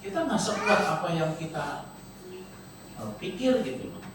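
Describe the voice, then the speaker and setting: A male pastor preaches in a chatty, storytelling manner, shifting quickly between narration and scripture. His voice carries from a distance across a huge, ringing church hall. Steady noise sits under the sound. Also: sits high, vocal fry. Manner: lively, conversational, animated storytelling. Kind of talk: sermon with storytelling. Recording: echoey church hall from far off.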